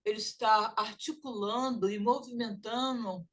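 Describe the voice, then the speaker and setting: Brazilian woman, higher voice, slow deliberate phonics teacher, over-articulated sounds. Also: fairly even intonation. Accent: Brazilian Portuguese. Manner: drawn-out, exaggerated model sounds. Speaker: literacy teacher. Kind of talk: pronunciation lesson.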